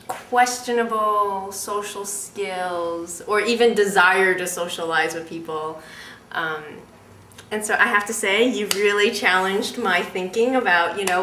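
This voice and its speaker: A woman with a bright, mid-pitched voice chats in a lively, teasing way and laughs easily. She sits a little back from the mic in an echoey room with faint hiss. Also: distant mic. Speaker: interviewee. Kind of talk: casual interview.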